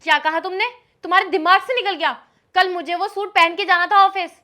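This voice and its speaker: An actress playing a quick-tempered young woman arguing with her live-in partner, sharp and scolding. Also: very high-pitched, fairly even intonation. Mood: angry. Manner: sharp, scolding, turns to pleading. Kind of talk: scripted short-film acting.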